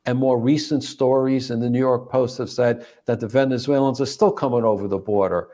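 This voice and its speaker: A man's voice: mid-range voice, fairly even intonation, a little fast, mellow. A man co-hosting a political commentary show, arguing his case point by point with rhetorical questions.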